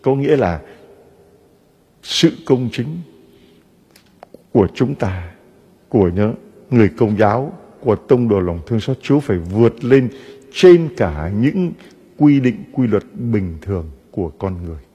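Husky-voiced priest preaching in a reverberant church. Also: male voice, fairly low pitch, unhurried, long pauses. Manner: animated preaching with rhetorical questions to the congregation. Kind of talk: sermon.

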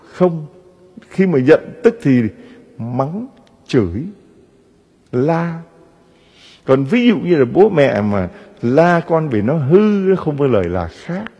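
Husky-voiced priest preaching in a reverberant church. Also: male voice, mid-range voice. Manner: animated preaching with rhetorical questions to the congregation. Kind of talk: sermon.

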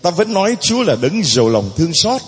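A male priest preaches dramatically, swinging his voice far up and down on each emphatic point. His tone is slightly husky, and a long reverb rolls through the church around him. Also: sits high, big pitch swings, quick pace. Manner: dramatic, emphatic, rhetorical questions. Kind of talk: sermon.

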